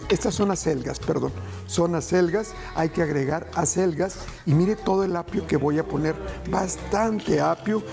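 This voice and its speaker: In a studio kitchen, a middle-aged TV cooking host with a fairly high, gravelly voice demonstrates a dish. He speaks in a folksy way, treating viewers like family and offering gentle advice.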